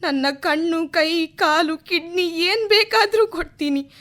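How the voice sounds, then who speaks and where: A woman's voice: very high-pitched, unhurried, fairly bright tone. A woman playing a poor elderly widowed mother who sells flowers by the street, talking in a tearful, pleading way in a radio drama. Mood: anguished pleading.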